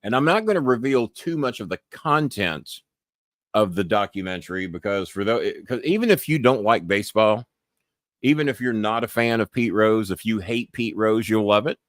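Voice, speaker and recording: A man's voice: on the low side, expressive, normal speed, no echo, clean studio sound. A middle-aged American man hosting a live-stream show, rambling bluntly and cursing freely in a casual monologue. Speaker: podcast host.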